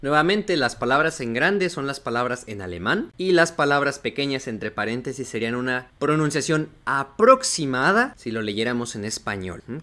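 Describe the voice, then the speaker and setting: Guy teaching german basics, sounds stuff out slow, chill and jokey. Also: medium pitch, pushed and bright. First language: Spanish. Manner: explains step by step, demonstrates sounds slowly; casual and joking. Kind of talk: online language lesson.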